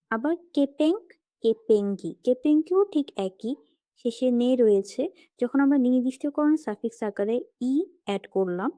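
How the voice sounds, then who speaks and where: A woman's voice: mid-range voice, warm tone, no room sound. A woman teaching a language lesson, carefully explaining grammar examples one by one. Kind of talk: scripted lesson narration.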